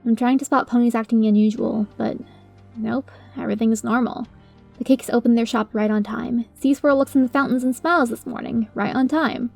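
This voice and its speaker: A woman narrates a first-person story in a fairly high voice. Her style is dramatic storytelling, and music plays underneath. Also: fairly even intonation, brisk, gravelly, a little mellow.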